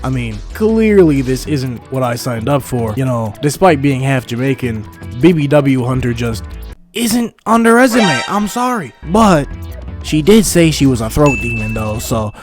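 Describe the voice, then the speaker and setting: A man's voice: medium pitch, very animated, unhurried, over music. Crude joking young man telling a story. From Montreal, Canada. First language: English. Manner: casual, crude slang, joking asides. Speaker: animated storyteller. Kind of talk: comedic story time narration.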